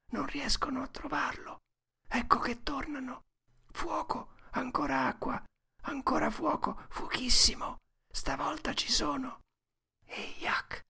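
A narrator doing a young boy in whispered role-play, whispering high and breathy as he tries to steady his frightened friend. Nervous underneath, he keeps his voice hushed and his words calm. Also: heavily acted. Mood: alert. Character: young boy, nervous but trying to act brave.

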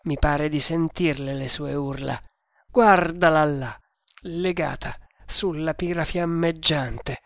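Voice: medium pitch, slow, gravelly, no room sound, clean studio sound. A reader voicing a tortured male villain, a strangler who roars and mocks his captor in a dramatic audiobook. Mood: gloating. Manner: roaring, mocking, bursts into wild laughter. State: groaning in pain.

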